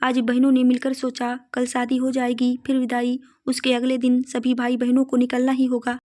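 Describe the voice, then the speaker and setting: A woman narrating a moral story in an even, scripted reading. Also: sits high, moderate pace.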